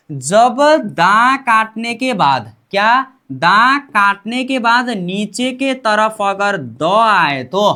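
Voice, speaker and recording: Lady teacher going over korean grammar real slow, repeats every example, keeps asking "what do we say?". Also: mid-range voice, fairly bright tone. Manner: repeats example phrases slowly and quizzes the learner. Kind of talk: explaining grammar step by step.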